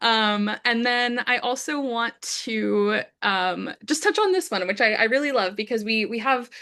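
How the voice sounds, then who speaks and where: A woman's voice: a little high, animated, unhurried, bright, forceful tone. A young woman hosting an online youth training session, enthusiastic and full of fillers. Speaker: webinar host. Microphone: video call.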